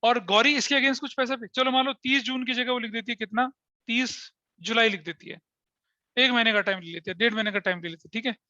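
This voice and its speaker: Speaking briskly in a very high-pitched, bright, and forceful voice, a man teaches accounting to students present and online, dropping in English as he goes. He keeps asking questions, repeats the key terms, and checks whether the class is keeping up. The sound is dry, a bit dull, and close-miked, with no room reverb.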